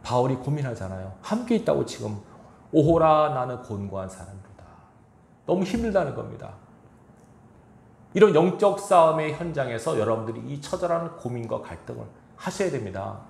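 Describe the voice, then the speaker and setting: A man's voice: mid-range voice, sing-song, fairly quick, vocal fry, darkish tone. A male pastor giving a sermon, reading scripture and then pressing the congregation with rhetorical questions. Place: church sanctuary. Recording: echoey church room.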